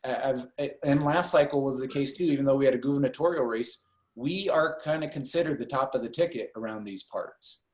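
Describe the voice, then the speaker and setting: A man's voice: mid-range voice, a little mellow, reverberant, poor audio. A man running for Congress from Iowa, answering voter questions on a video call, talking with many fillers and restarts. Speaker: congressional candidate.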